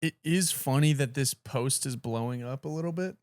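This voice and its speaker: A man's voice: mid-range voice, normal speed, darkish tone, dry recording, studio quality. A man co-hosting a podcast, trading blunt, crude banter in casual chat. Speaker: podcast co-host.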